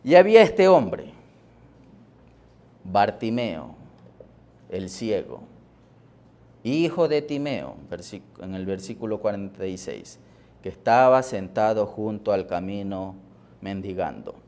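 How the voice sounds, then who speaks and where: A man preaching a sermon as pastor, deliberate, with pauses and fillers, rising in force on key words. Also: on the low side, very animated, mellow. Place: church.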